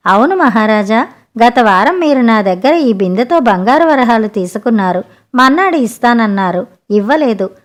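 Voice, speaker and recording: A woman reading the part of a wise, cunning male royal guru in a storybook tale, in her own slightly high voice. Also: expressive, moderate pace, close to an everyday voice. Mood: composed.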